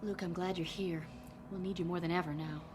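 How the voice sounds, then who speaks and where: An actress playing a firm, earnest young princess and rebel leader in a radio drama, speaking with crisp authority. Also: female voice, lowish voice, steady tone, brisk, background noise, natural voice. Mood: grave, consoling.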